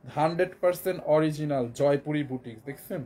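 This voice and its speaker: A hoarse man from Bangladesh giving a live online sales pitch for clothes, repeating himself and coaxing viewers as he shows each item. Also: fast, warm tone. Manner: repetitive, coaxing, calls viewers "apu". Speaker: clothing seller.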